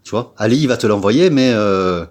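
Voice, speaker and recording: Speaking at a moderate pace in a low, darkish voice with lively intonation, a scooter repair vlogger from France gives a relaxed tutorial. He addresses the viewer directly in a blunt, slangy, talkative way, peppered with filler tags.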